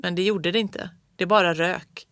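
A narrator reads a children's book aloud in a calm, even voice pitched in the middle range. The recording is dry, with no room sound and no echo.

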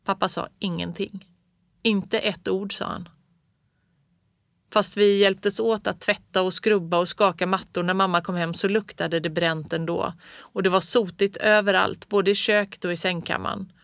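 A calm, even storyteller reading a children's book aloud. The pitch sits in a middle range. The recording is dry, with no room sound. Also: creaky, dry recording. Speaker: narrator.

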